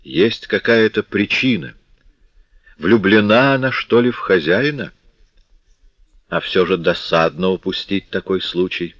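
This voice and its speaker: A scheming thief grumbles as he sizes up a robbery, read by a man with a deep voice. Dull, dry, lo-fi sound. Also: a little slow, long pauses, fairly bright tone, no room sound. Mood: grumbling. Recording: dull dry lo-fi audiobook recording.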